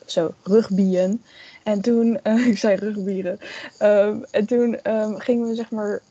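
A woman's voice: medium pitch, flat delivery, measured pace, dark tone, no room sound, dull audio. A young woman in casual podcast chat, telling a long personal story with many fillers and quoted asides. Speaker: guest storyteller.

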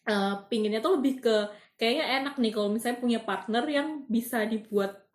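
A woman, talking casually on a podcast with many pauses and fillers. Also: a little high. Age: 20s. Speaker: podcast co-host. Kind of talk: casual chat. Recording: echoey room.

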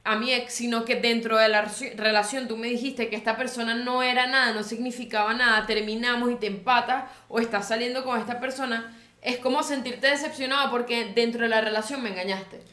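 A young woman with a Venezuelan accent gives blunt, slang-heavy advice on a podcast. Her voice sits a little high. She is recorded in an echoey room. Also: steady tone, brisk, bright, forceful tone. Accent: Venezuelan Spanish. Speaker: podcast co-host. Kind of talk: casual advice chat.

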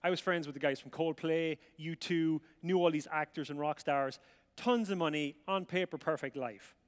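A middle-aged man from the Irish rural midlands, voice a little high and speed normal, tells his life story to a live audience. He keeps it chatty and self-mocking, acting out the dialogue, and the hall gives off a reverberant sound.

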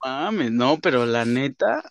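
A man's voice: medium pitch, sing-song, takes it slowly, crowd noise. A man with a Mexican accent chatting playfully in slang and swearing as a football podcast co-host. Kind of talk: casual football banter.

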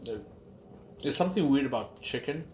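Man, casual chat, rambling, swears, mid-pitched voice, faint background hum. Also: animated, darkish tone. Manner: rambling and profane, with frequent pauses.

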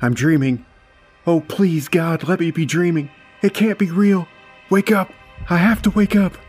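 A man's voice: on the low side, takes it slowly, mellow, husky, faint music behind. A man voicing a terrified family man who cries out and pleads in desperation. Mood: panicked, anguished.

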